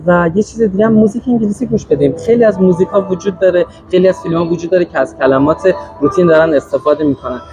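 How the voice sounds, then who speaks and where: A man's voice: sits high, hardly any pauses, darkish tone. A man hosting an interview podcast, asking questions with many hesitant fillers. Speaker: podcast host.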